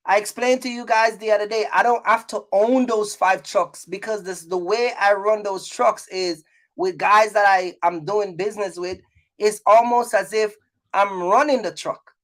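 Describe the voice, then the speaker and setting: Talking casually to his vlog viewers, a middle-aged trucking business owner and content creator has a high-pitched, somewhat bright voice. He leans on emphasis and repetition and often checks that his audience is with him.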